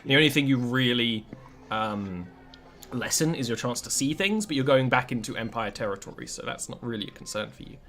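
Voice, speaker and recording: A man narrating a tabletop game as game master in a casual, improvised and somewhat halting way. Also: medium pitch, lively intonation, a bit bright.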